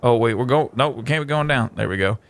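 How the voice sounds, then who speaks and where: A man's voice: medium pitch, fast talker, no echo. A man hosting a video game, rambling through casual commentary with lots of fillers and self-corrections. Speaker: gameplay video host.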